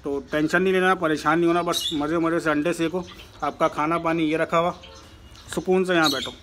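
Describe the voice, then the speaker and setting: A man's voice: on the high side, fairly even intonation, brisk, a bit bright. A man narrating his chores on a rooftop to viewers in a chatty, friendly way while he works, filmed on a handheld phone. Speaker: bird keeper vlogger. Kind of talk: casual vlog narration. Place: rooftop kitchen and bird pens, outdoors. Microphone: handheld phone camera. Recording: noisy rooftop phone recording.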